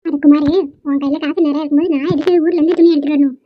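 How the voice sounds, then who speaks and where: A woman's voice: high voice, steady tone, rapid-fire, close to an everyday voice. A woman voicing a bossy, demanding grandmother in a dubbed cartoon, speaking in a scolding, teasing way. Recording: dull lo-fi recording.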